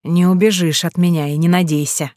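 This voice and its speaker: A woman's voice: lowish voice, fairly even intonation, a little fast, a little mellow, dry recording, studio quality, close to an everyday voice. A woman playing a creepy, mocking stalker man. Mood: sinister.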